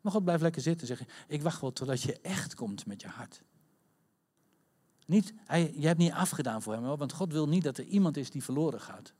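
A man preaching a conversational sermon, acting out quotes and rising to shouts at the high points. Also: animated, a little fast.

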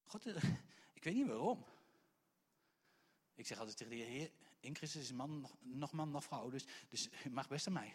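A male preacher, telling a story in a lively sermon and swinging between hushed and loud delivery with stammering restarts. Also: mid-range voice, moderate pace, breathy edge.

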